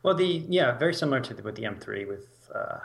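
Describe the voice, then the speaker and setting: A man's voice: medium pitch, lively intonation, fast talker, creaky. A man co-hosting a casual car talk show, adding dry, matter-of-fact remarks. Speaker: podcast co-host.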